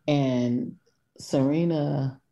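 A woman's voice: very deep voice, steady tone, extremely slow, warm tone, highs cut off. A woman guest telling a rambling family story with laughs and many fillers. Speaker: guest, older sister. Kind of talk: casual storytelling.

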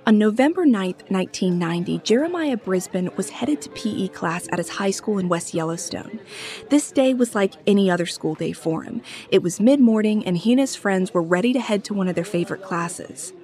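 A woman podcast host giving scripted true-crime narration in a measured storytelling manner. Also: medium pitch, expressive, warm tone, faint music behind.

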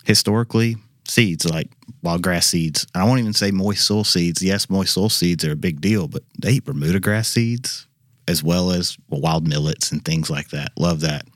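A man's voice: deep voice, moderate pace, dry recording. A man talks as an expert guest. He explains things informally, in everyday conversational words, in a dry interview recording. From Arkansas, United States. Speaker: guest expert, university biologist and teacher. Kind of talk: casual interview talk.

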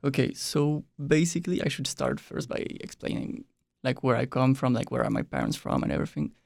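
A young man who grew up in Mexico chats easily as an exchange-student guest on an interview podcast, relaxed and loose, with frequent "like" and quiet trailing ends. His mid-range voice is a little fast and creaky, caught on a dry, close studio mic.

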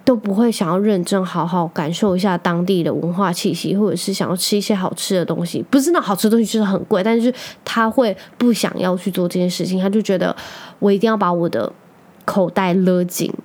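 A woman hosting a podcast alone, chatting casually and telling stories with lively quoted outbursts. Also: lowish voice. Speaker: podcast host. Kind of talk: casual solo chat.

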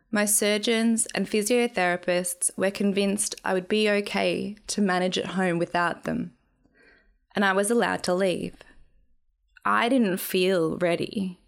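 A young woman reading her own memoir aloud in a dry, wry storytelling manner. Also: medium pitch. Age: young adult. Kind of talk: memoir narration.

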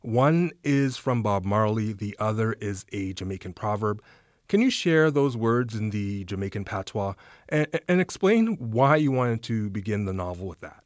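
A male interviewer with a lowish voice asks his questions in a relaxed, affirming way. He nods along with short murmurs of agreement. The recording is close and dry, with no room sound. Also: moderate pace, no room sound. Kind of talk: conversational interview.

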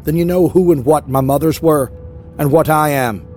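A man voicing a defiant, teasing young witch girl in a raised, quick voice. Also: fairly high pitch, darkish tone, soft background music, pitched above the performer's own voice, close to an everyday voice.

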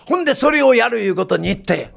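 An older man with a Kansai accent, a guest telling lively anecdotes and acting out the voices in them, with a gravelly, husky voice. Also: extremely high pitch, fast talker. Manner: lively, acts out the voices in his stories.

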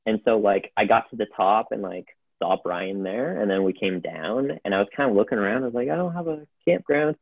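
Gravelly low man telling a story. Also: a little fast, dry recording. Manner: loose and rambling, heavy on fillers. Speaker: podcast guest. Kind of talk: casual storytelling. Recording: phone-like narrow sound.

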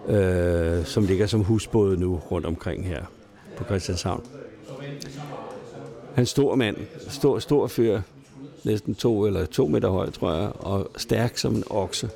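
A man's voice: lowish voice, gravelly, mellow. A man casually telling old pub anecdotes, chuckling now and then and speaking in a salty, colloquial way, recorded in a neighbourhood pub. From Denmark. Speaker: storyteller.

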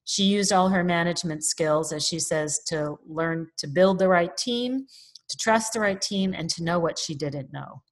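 A woman's voice: lowish voice, normal speed. A woman hosting a podcast interview, introducing her guest in an upbeat, effusive way. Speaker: podcast host.

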